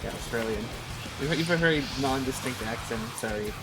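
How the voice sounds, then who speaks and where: A man's voice: mid-range voice, brisk, loud music behind the voice, low-quality recording. A man chatting casually with friends while gaming, joking around and stammering a little when unsure. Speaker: gamer.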